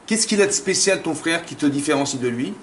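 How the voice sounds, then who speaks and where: A man, a rabbi, giving a lively Torah class in a community center, casual in phrasing, acting out dialogues and firing rhetorical questions. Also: on the high side, fairly quick, slight background noise. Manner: animated, acts out dialogues, fires rhetorical questions. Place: community center lecture room.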